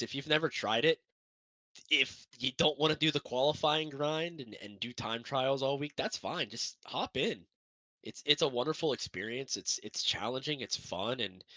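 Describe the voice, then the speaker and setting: A man's voice: medium pitch, sharp tone, no echo. A young man co-hosting a sim racing broadcast, chatting casually and rambling in an upbeat, self-deprecating way. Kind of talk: casual podcast chat.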